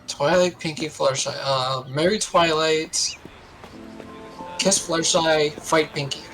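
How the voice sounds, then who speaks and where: A man's voice: on the high side, fairly even intonation, measured pace, music in the background, low-quality recording. A man chatting casually as a guest on a game stream. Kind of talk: casual chat.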